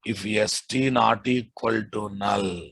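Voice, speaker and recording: A man's voice: lowish voice, steady tone, slow pace, creaky, fairly bright tone, breathy edge, dry recording. A man with a Telugu Indian accent teaching a live coding lesson, dictating code with repeated phrases and informal asides to his students. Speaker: programming instructor.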